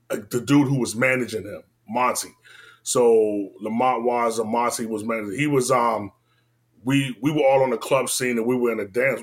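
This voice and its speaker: Laid-back man from D.C. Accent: Washington, D.C. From Washington, D.C. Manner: laid-back and animated, slangy, drifts between loud and low. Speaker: rapper and engineer telling his story. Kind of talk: casual storytelling interview.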